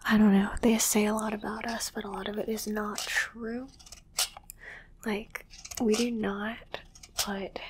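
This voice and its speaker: Background noise sits under the hushed, fairly high whisper of a woman playing a soothing alien medical examiner in ASMR. She keeps offering brief, calming reassurances.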